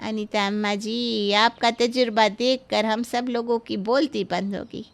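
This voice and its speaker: A fretful middle-aged mother, quick to scold and complain, voiced by a woman. Her voice sits high and clear above the others in this cartoon story. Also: steady tone. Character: worried, sharp-tongued middle-aged mother.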